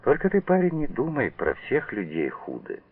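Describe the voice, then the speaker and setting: A man's voice: medium pitch, huge pitch swings, moderate pace, slightly rough, no echo, voice pushed up, exaggerated voice. A man voicing a kind, weary peasant widow who speaks plainly, scolding at times and tender at others, on a tinny old radio broadcast. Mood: sad, warm.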